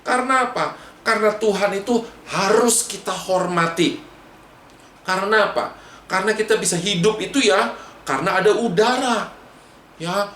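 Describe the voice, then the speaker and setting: A man with an Indonesian accent teaches a children's Sunday school lesson as a pastor. His storytelling is lively, and he keeps asking the children questions. The echoey room carries faint background noise. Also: high-pitched, far from the mic.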